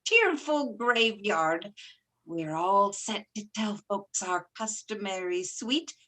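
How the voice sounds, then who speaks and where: A woman's voice: mid-range voice, lively intonation, pushed and bright. A woman playing a gleefully macabre 116-year-old witch, cackling and theatrical, telling horror tales in an old-time radio show. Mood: gleefully eerie. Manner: theatrical, drawn-out storytelling.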